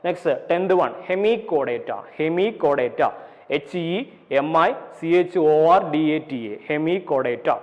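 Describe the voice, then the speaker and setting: A male teacher with a Malayali accent lecturing a class, repeating points, asking and answering his own questions, spelling terms letter by letter and slowing down for definitions. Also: fairly high pitch, a little mellow. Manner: slows down for dictated definitions. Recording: dull audio with long reverb.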